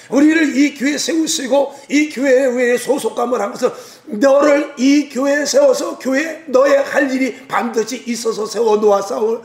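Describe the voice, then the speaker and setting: A male pastor preaching a Wednesday sermon, exhorting his congregation and acting out biblical scenes. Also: extremely high pitch. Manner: exhorting, acts out biblical dialogue, jokes. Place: church sanctuary. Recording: echoey church hall.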